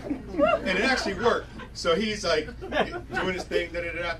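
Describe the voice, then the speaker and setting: Guy doing standup at a comedy club, slightly high voice, rambly, heard from far off with a noisy crowd. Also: big pitch swings. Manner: conversational, rambling delivery with quick asides. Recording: distant, noisy club recording with laughing crowd. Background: audience laughter and loud room noise.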